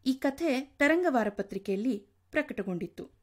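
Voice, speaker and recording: A woman's voice: sits high, animated, unhurried. Earnest woman storyteller. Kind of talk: storybook narration.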